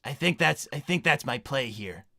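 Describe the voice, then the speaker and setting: A man's voice: medium pitch, lively intonation, normal speed, vocal fry, pushed and bright, no echo, studio quality, heavily acted. A man voicing an anxious, well-meaning young hedgehog hero in improvised livestream roleplay, hesitant and stammering as he rambles reassurances. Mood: uneasy rambling. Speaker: livestream performer answering donor messages.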